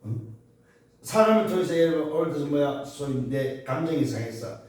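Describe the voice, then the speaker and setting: A man's voice: a little high, animated, brisk, a little mellow, far from the mic. A male pastor preaching a sermon with emphatic call-and-response questions, sometimes slipping into conversational storytelling. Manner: tells anecdotes in a conversational preaching tone. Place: church sanctuary. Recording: very echoey church hall, voice from afar, faint noise.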